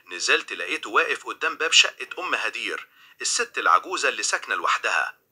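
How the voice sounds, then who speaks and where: Bright, husky Egyptian storyteller. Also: male voice, mid-range voice, sing-song, fast. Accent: Egyptian Arabic. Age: young adult. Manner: dramatic, tense. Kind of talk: scripted first-person crime narration.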